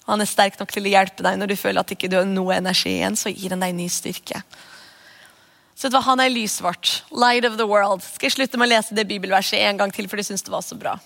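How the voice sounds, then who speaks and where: A woman pastor in her thirties preaches in an earnest, conversational way, slipping into spoken prayers. Her voice sits at a middle pitch. A long church reverb trails after her words. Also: fairly even intonation, gravelly, fairly bright tone. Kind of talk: sermon. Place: church hall.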